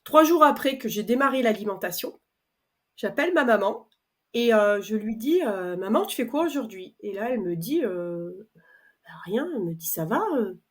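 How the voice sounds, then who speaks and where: A middle-aged French woman telling her own story in a chatty, animated way, acting out conversations with many fillers. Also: mid-range voice, moderate pace. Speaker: customer testimonial speaker. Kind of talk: personal testimony, casual storytelling.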